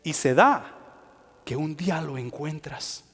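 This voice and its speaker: A man preaching a sermon with passion, dropping to hushed lines and rising to loud ones. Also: on the high side, takes it slowly, in a large hall. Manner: impassioned, swinging between hushed and loud.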